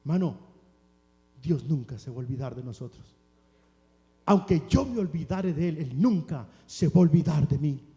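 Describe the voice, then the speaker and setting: A man preaching a fervent church sermon, calling listeners brothers and building up to shouts. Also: on the high side, lively intonation, normal speed, long pauses. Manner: impassioned, rising to shouts, addresses listeners as brothers. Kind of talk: Pentecostal sermon. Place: church sanctuary. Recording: long church hall reverb.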